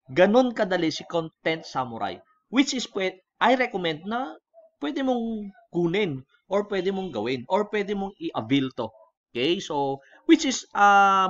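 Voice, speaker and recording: A man with a Filipino accent talking through a software tutorial in a casual way, switching between Tagalog and English and often checking in with the viewer. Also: high-pitched, muffled recording. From Philippines. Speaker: online tutorial host. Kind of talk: screen-recorded software tutorial.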